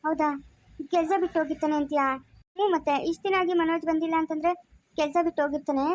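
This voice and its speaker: A young woman playing a blunt, practical student friend who talks in a brisk, scolding way in a family skit. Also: high-pitched, fairly even intonation, close to an everyday voice. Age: young adult. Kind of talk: amateur family skit acting.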